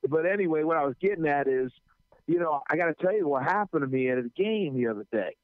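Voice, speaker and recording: A man tells stories in a slightly high voice, animated and stammering as he starts each thought. The sound is thin and tinny like a phone line, and dry with no room echo. He speaks as a visiting anti-drug school speaker. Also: fast. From New Jersey. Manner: animated, stammers on starts, acts out others' lines. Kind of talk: casual storytelling chat.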